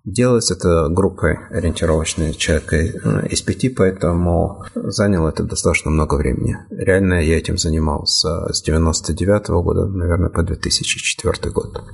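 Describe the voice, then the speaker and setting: A man with a very low voice explains software platforms at an unhurried pace. His tone is gravelly and slightly husky, and he pauses often to search for words. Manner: measured, hesitant with frequent fillers. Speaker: software developer. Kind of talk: technical discussion.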